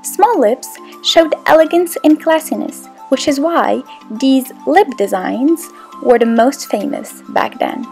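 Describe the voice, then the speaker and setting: A woman's voice: sits high, animated, slow pace, creaky, dark tone, soft background music. A young woman from Morocco, a student, narrating her own short video in a scripted, explanatory way. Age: young adult. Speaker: student presenter.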